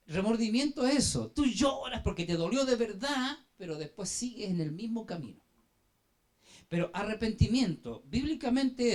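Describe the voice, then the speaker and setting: Taking on the role of an apostle, a male preacher delivers a sermon as dramatic storytelling, dropping to hushed, low phrases and then rising into loud, emphatic bursts. He speaks straight to the congregation, prompting them to call back and to turn to one another.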